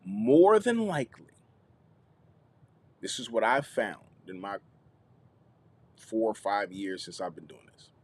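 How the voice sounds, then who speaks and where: A man hosting a live teaching stream on content creation, lively, repeating himself and checking in with viewers. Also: sits low, a little slow, long pauses, slight background noise. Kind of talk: YouTube live teaching session.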